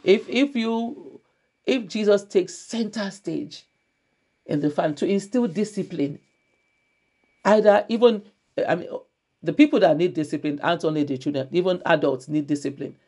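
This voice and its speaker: Warm-voiced woman pastor preaching. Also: fairly low pitch, moderate pace, husky. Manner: repetitive, emphatic preaching with scripture readings. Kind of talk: church sermon.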